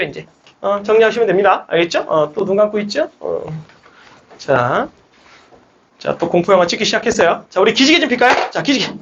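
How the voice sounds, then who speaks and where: Brief: young male math tutor, high and animated voice, muffled classroom recording. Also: a little hiss or hum. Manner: lively, coaxing, rallies students with shouts. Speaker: math academy teacher. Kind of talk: classroom lecture. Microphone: speaker amplified mic.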